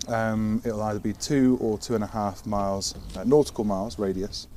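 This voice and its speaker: A British man with a lowish, dark voice talks at a normal speed with fairly even intonation, informally explaining technical air traffic control work in an interview-style chat. He hesitates and restarts words as he goes. The mic is distant, picking up faint background noise and ambience.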